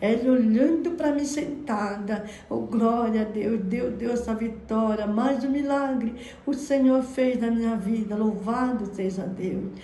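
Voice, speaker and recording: Brazilian woman, 30s, fervent church testimony, higher voice, mellow tone, phone in an echoey room with faint noise. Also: a little slow, hardly any pauses. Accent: Brazilian Portuguese. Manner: fervent, frequent praise exclamations. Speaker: church member giving testimony. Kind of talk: religious testimony.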